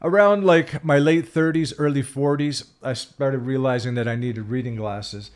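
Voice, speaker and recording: A Canadian spiritual vlogger of sixty gives a reflective solo talk in an ordinary mid-pitched voice at moderate pace. His speech is loose and full of fillers and self-corrections, growing emphatic whenever he disagrees.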